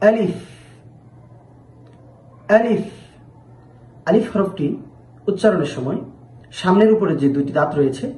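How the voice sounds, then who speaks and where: A man's voice: high voice, expressive, a little fast, long pauses, warm tone, roomy sound, low-quality recording. A man giving a patient pronunciation lesson, drawing out each letter sound as he demonstrates it. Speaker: Arabic letter teacher.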